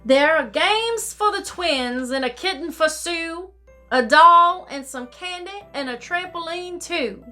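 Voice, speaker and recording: A kindly old Santa voiced by a woman storyteller speaks in a bright, high voice with a hearty Southern drawl. The delivery is folksy and unhurried, as in a children's storybook. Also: lively intonation, soft background music, exaggerated voice. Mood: hearty, generous. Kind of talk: children's storybook character reading.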